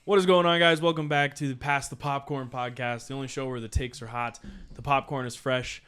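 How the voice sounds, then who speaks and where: A man hosting a casual movie podcast, upbeat and playful, quick to laugh during banter. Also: medium pitch, fairly even intonation, over music. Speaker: podcast host.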